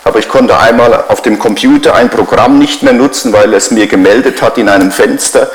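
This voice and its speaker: A man's voice: medium pitch, a little fast, echoey room, low-quality recording. A middle-aged man giving a conversational sermon as a pastor, driving his points home with repeated rhetorical questions.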